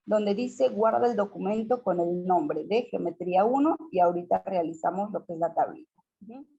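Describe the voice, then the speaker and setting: A woman's voice: mid-range voice, vocal fry, dark tone, husky, muffled recording. A woman teacher walks students through a computer screen tutorial, patiently checking in with them as she goes.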